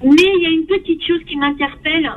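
High-voiced woman calling from a car speakerphone. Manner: halting, hesitant, candid. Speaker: radio call-in caller. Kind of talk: call-in on a radio talk show. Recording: dull phone line from a car speaker.

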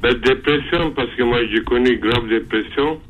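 A man with a Turkish accent calling in to a radio show, speaking in halting, simple phrases. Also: mid-range voice, dull audio, faint music behind. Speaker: caller. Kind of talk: phone-in caller telling his story.

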